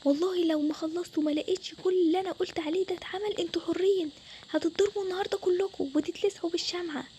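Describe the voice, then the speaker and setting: Young woman doing a yelling Egyptian mother. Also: very high voice, fairly even intonation, racing, slight background noise. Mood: scolding. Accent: Egyptian Arabic. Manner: scolding, loud, harsh. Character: strict yelling mother, short-tempered and threatening. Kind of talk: storytelling with toy game figures.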